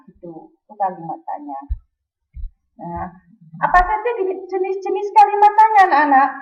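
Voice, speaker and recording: A high-pitched woman teaching young pupils. She speaks patiently, posing questions and answering them herself. The recording sounds roomy and a little muffled. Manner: patient, addresses pupils directly, asks then answers questions. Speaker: primary school teacher. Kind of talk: recorded classroom lesson. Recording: echoey room, slightly dull sound.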